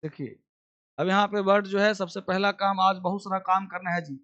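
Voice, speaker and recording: A man's voice: sits high, fairly even intonation, moderate pace, fairly bright tone, dull audio. A man teaching a basic English class, drilling words and repeating questions for students to answer.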